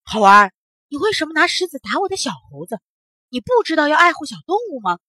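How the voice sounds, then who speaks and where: A woman's voice: on the high side, sing-song, slow, husky, dry recording, clean studio sound, full character voice. Woman playing a huffy old monkey. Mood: scolding. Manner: scolding, huffy. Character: cross old male monkey, stern elder.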